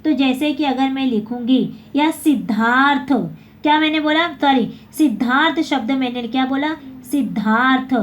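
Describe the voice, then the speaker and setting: A woman's voice: high voice, normal speed, slight background noise. A woman teaching a basic Hindi lesson, explaining step by step and often correcting herself.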